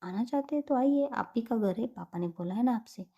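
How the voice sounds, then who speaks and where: A woman storyteller doing a shy young mother who talks a little raised and hesitant. The tone is dark and mellow, with a rough, breathy grain. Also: on the high side, lively intonation, a little fast, lo-fi sound, voice pushed up. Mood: gentle.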